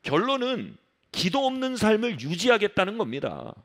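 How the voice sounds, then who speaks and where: A man preaching from the pulpit with a fairly high voice that leaps up and down. He presses his points hard, then sinks low and quiet for emphasis, and now and then slips into the voices of the people he describes. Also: huge pitch swings, normal speed. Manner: emphatic preaching, drops to low soft tones for stress; acts out quoted voices of resisting people. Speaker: pastor. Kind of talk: sermon. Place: church sanctuary.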